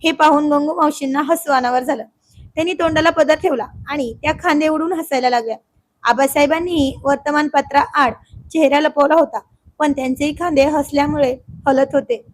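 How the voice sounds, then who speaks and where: Woman storyteller, scripted narration, expressive, high voice. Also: a little fast.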